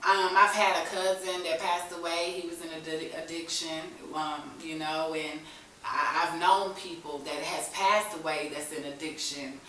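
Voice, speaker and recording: A woman in her thirties, appearing as an interview guest, tells a candid personal story in informal, conversational vernacular, saying "you know" often. Her low-pitched voice has a sharp tone, flat delivery and a moderate pace. The recording is echoey with a distant mic and faint hiss.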